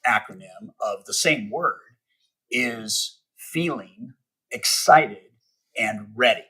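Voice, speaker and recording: A middle-aged man giving motivational sales advice as a podcast guest, speaking emphatically and slowing down to stress his key points. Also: lowish voice, lively intonation, bright, forceful tone, slightly rough, poor audio. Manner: emphatic, spells out acronyms slowly, acts out sample calls. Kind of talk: podcast interview, motivational teaching.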